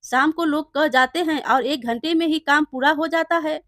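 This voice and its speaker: Brief: jealous, sly village blacksmith man, read by a woman narrator, high and dry voice. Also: moderate pace, fairly bright tone, no echo.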